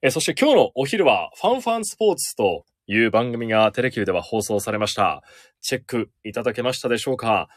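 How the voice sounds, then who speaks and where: A male announcer hosting a casual radio talk show, chatty and expressive. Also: medium pitch, quick pace, no room sound, clean studio sound.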